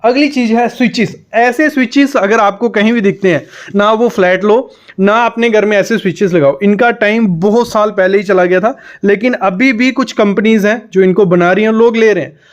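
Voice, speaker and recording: A man's voice: sits high, moderate pace. A man giving direct, practical advice on interior design to the viewer in an instructional explainer.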